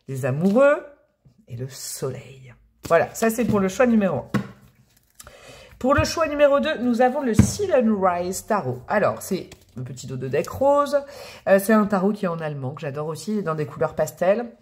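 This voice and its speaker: A woman talks her viewers through a casual tarot reading in a friendly, chatty way. She showers them with pet names and exclaims with delight over the cards. Her voice sits at an ordinary middle pitch. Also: very animated, normal speed, a little mellow. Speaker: tarot reader.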